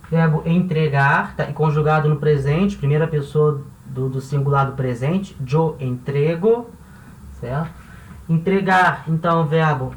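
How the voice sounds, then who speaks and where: A man's voice: fairly high pitch, lo-fi sound. A man teaching a grammar lesson, explaining step by step and asking rhetorical questions as he goes. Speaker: Spanish teacher. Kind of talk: classroom-style grammar lesson. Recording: roomy, slightly distant mic.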